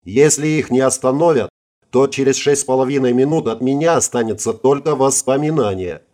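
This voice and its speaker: A man's voice: mid-range voice, fairly quick, a little mellow, lightly acted. A man voicing a combat pilot captain under fire in an audiobook, giving clipped military reports. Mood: tense. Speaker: mastodon pilot.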